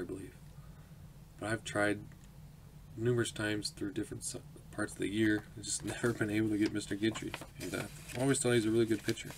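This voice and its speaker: A man's voice: lowish voice, creaky. A man in his twenties, chatty and upbeat, opening his mail for a home vlog, laughing often and saying um a lot. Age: 20s. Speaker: autograph collecting channel host. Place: small home room, indoors. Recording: noisy home recording.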